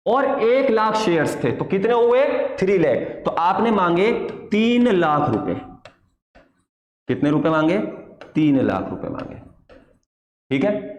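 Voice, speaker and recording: High-voiced teacher in an echoey room. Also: male voice. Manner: asks questions and answers them himself, dictates slowly word by word; patient, calls students "my child". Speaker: accounts teacher. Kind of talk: classroom lecture. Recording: echoey room with long reverb.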